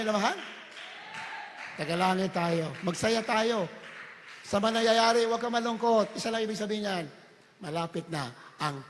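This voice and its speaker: A male preacher giving a fervent sermon, often rising to shouts and mixing Tagalog with English. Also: high-pitched, slight background noise. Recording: long hall reverb.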